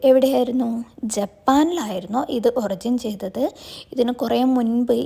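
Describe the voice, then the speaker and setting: Woman teacher, question-and-answer style; mellow tone, fairly high pitch. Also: creaky, husky. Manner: asks questions and answers them herself. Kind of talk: explaining a class lesson.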